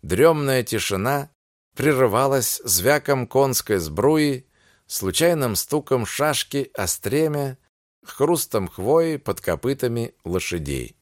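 A male audiobook narrator telling a literary story in a slow, measured way. His pitch moves in lively turns through each sentence. The sound is dry and close, with no room around it. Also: dry recording.

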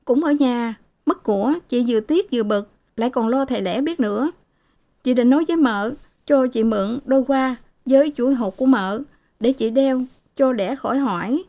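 A woman's voice: moderate pace, warm tone, natural voice. A woman reading as a tearful, anxious young wife. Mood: worried. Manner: pleading, tearful voice raised high.

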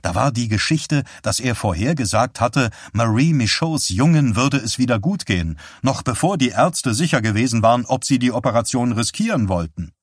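A man narrating an audiobook in a calm, even reading voice. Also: mid-range voice, normal speed, few pauses, husky, no room sound, clean studio sound. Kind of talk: scripted narration.

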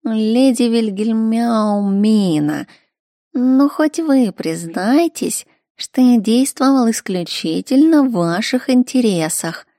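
A woman reading a story aloud, voicing a cheeky, cat-like man who drawls slowly and fawns. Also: fairly high pitch, animated, warm tone, no room sound, studio quality. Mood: fawning.

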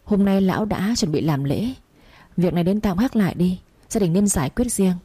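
A woman voicing a calm old male ritual master who speaks in a measured, detached way. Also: lowish voice, husky, no echo.

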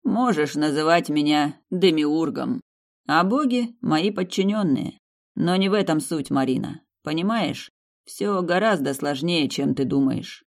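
Storybook demiurge, male, patronizing and unhurried; the reader puts him on. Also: mid-range voice, animated, creaky. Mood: calm. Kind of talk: audiobook character voice.

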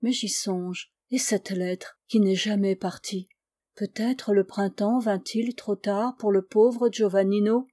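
Mellow-voiced woman reading a tale aloud. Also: medium pitch, takes it slowly. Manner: expressive, dramatic storytelling. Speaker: audiobook reader. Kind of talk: literary audiobook narration.

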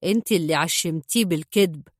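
A stern Egyptian father who answers everything with icy calm, read by a woman in her own voice. The delivery is measured and cutting, in a dry, close recording. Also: fairly low pitch, dry recording, lightly acted. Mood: cold calm. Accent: Egyptian Arabic.

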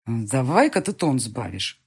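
A woman's voice: lowish voice, lively intonation, a little fast. A woman voicing a stern, short-tempered dragon lord and father who barks commands. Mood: menacing. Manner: commanding, gruff.

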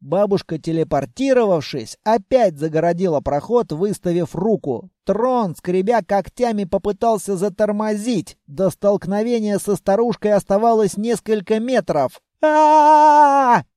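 A man narrating a first-person fantasy audiobook in a playful, lively storytelling manner. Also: sits high, normal speed, hardly any pauses, dry recording, studio quality.

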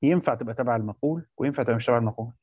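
A man's voice: mid-range voice, very fast, darkish tone, husky, dry recording, highs cut off. A man with an Egyptian accent teaching a lesson on a religious text, asking questions and then answering them himself. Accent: Egyptian Arabic. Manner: checks with listeners whether points are understood. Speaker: teacher of Quran commentary. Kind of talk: classroom lesson explaining a text.

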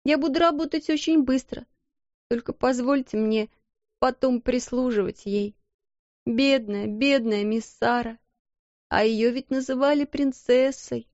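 A woman's voice: sits high, measured pace, darkish tone, no room sound, pitched above the performer's own voice. A woman reading aloud, voicing a timid young scullery maid who pleads through tears, on a dull, dry recording. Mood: tearful pleading. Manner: pleading, tearful, breathless apologies.

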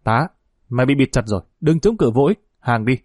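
A brisk young guerrilla commander gives curt orders, read by a male narrator. The voice is dark and mellow, recorded close and dry for an audiobook. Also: mid-range voice, expressive, husky, no room sound. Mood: commanding.

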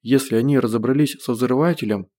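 A man's voice: mid-range voice, fast talker, dark tone, lightly acted. A man doing a wheedling, self-pitying schemer.

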